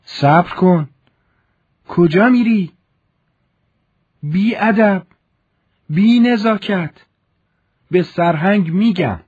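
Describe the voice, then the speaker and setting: Storybook colonel's wife, high and shrill, huffy and haughty, a man doing the voice. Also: pauses often, slightly rough, muffled recording. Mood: indignant. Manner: shrill, indignant scolding. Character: haughty colonel's wife, middle-aged woman, scolding.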